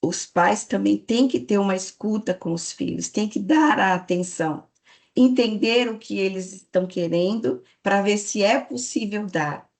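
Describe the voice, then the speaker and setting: A woman's voice: medium pitch, measured pace. A woman giving a lecture to a live audience, explaining patiently and checking in with the listeners. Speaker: speaker giving a parenting talk to staff.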